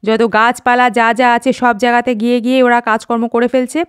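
A woman's voice: on the high side, level tone, fast, clear, resonant tone, dry recording, studio quality. A woman in her forties from West Bengal, narrating a chatty home vlog and talking straight to her viewers. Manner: chatty, homely, addresses viewers directly. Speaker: vlogger.

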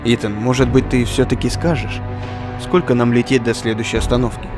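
A man's voice: medium pitch, level tone, brisk, music in the background, close to an everyday voice. A man playing a sober, practical spaceship crewman in a scripted sci-fi audio drama. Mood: resolved.

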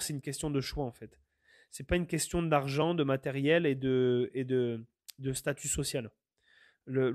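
A man delivers an opinionated podcast monologue, restarting his phrases and filling pauses as he thinks aloud. His voice sits a little high for a man. The recording is dry and close, with no room sound. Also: a little mellow, no echo. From France. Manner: earnest, opinionated, many restarts and fillers. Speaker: podcast host.

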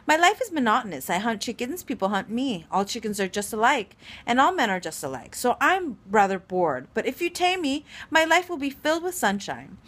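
A woman reading aloud and voicing a lonely, gentle male fox who patiently explains things. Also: a little high, very animated, fairly quick, hardly any pauses. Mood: wistful.

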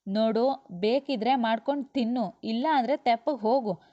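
Woman doing a young wife, pleading, emotional, high voice, dry sound. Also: fairly even intonation, normal speed, mellow, no echo, natural voice. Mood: defiant. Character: proud young wife, sharp-tongued, later tearful. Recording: dull lo-fi recording.

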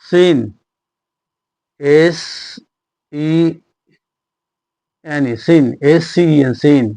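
A man's voice: fairly high pitch, extremely slow, warm tone, smooth, dry recording. A man teaching pronunciation, repeating each point and checking that students follow. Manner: repetitive, addresses students directly, checks understanding. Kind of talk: slow spoken lesson, spelling words out.

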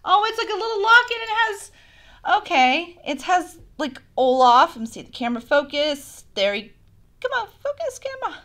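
A woman's voice: very high voice, very animated, moderate pace, fairly bright tone. A young woman gushing through a casual unboxing vlog on her phone camera, chatting to viewers. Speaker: unboxing vlogger.

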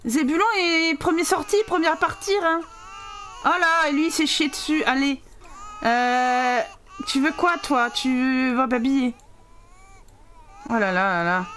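A young woman with a high voice talks through a video game as a let's play commentator. She is excitable, laughs a lot and yells at the game with casual swearing. A faint hiss of noise sits under her voice. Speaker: gaming channel host.

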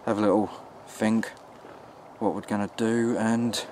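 A man's voice: on the low side, level tone, a little slow, dark tone. Uneasy young man vlogging outdoors, noisy sound. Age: 20s. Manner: uneasy, talking to viewers. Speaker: vlog host. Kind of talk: casual night exploring vlog. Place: outdoors in woods and open field at night. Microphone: camera mic, handheld. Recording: noisy handheld outdoor camera audio.

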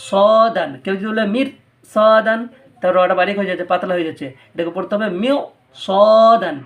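A man with a Bangladeshi Bengali accent teaching Quran recitation rules in a patient tutorial, repeating each rule twice. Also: high voice. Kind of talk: step-by-step tutorial lesson.

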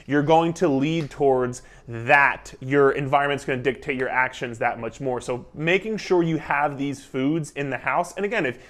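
A man in his thirties, a nutrition coach, giving an energetic, emphatic talk to the camera from his living room on a lapel mic. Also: medium pitch, normal speed, few pauses. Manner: energetic, emphatic, gestures a lot while talking. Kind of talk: casual instructional talk to camera. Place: living room indoors, beside a whiteboard.

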